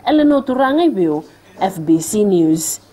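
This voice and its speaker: A female news reporter reads a scripted report. Her voice is husky and mellow, at an average pitch. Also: very animated, normal speed.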